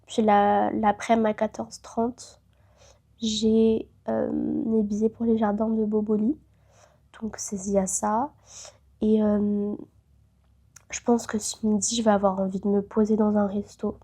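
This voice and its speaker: Her mid-range, dark voice stays completely flat and unhurried. She's a late-teen travel vlogger with a head cold, rambling chattily to camera with lots of fillers and false starts.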